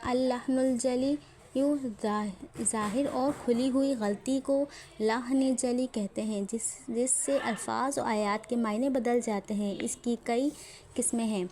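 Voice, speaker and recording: Woman, tajweed teacher, mellow fairly high voice, careful explanatory delivery, faint background noise. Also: steady tone. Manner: careful, explanatory, repeats words to demonstrate pronunciation. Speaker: Quran recitation teacher. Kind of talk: religious lesson on tajweed.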